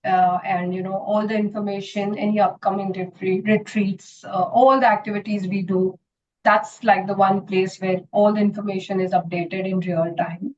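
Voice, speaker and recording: A woman's voice: medium pitch, level tone, normal speed, darkish tone, lo-fi sound, slight background noise. A woman founder and homeopath answering interview questions earnestly and telling a parable, with frequent fillers. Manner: earnest, with many "you know" fillers. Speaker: guest, retreat founder and homeopath.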